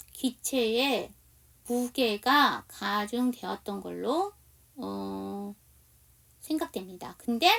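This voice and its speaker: A woman teaching English in a slow, patient lesson. She speaks with a Korean accent and a fairly high voice. She sits a little back from the microphone. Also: vocal fry, recorded from a distance. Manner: reads English lines slowly, explains in Korean, asks the viewer questions. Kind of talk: slow explanatory language lesson.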